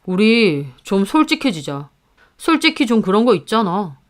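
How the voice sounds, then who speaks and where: A woman's voice: medium pitch, sing-song, moderate pace, close to an everyday voice. A woman voicing a defensive, condescending husband who needles his wife, in a narrated story. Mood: needling. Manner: needling, accusing.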